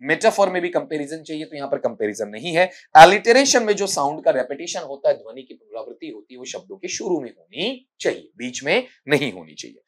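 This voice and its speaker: A man's voice: on the high side, sing-song. A man with a Rajasthani Hindi accent teaching English for exams, scolding students and drilling sounds. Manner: scolding, repeatedly asks "ठीक है?" and calls students "बेटा"; spells out sounds slowly and repeats words for drilling. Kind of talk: exam-prep lesson answering student questions.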